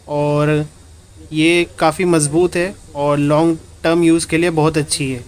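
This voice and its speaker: Flat-voiced man showing products in a shop. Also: on the high side, a little hiss or hum. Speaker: shop presenter. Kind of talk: product demonstration.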